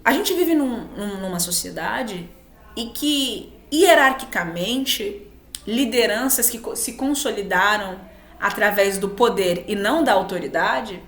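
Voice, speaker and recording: A woman's voice: medium pitch, lively intonation, a little slow, a bit bright, roomy sound. A Brazilian woman with a Brazilian Portuguese accent giving an emphatic spiritual teaching talk, acting out short quoted exchanges as she speaks.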